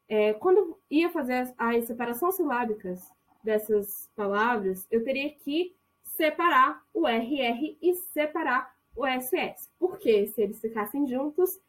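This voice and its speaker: Woman from Brazil, online English teacher, higher voice, chatty, checks in often. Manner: chatty, checks in with "tá?", slows down to model English phrases. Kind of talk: online language lesson. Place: online course recording.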